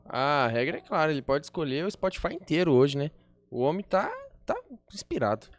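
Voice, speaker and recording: Brazilian male football pundit, slightly high voice. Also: very animated, a little fast. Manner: colloquial. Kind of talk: conversational match analysis.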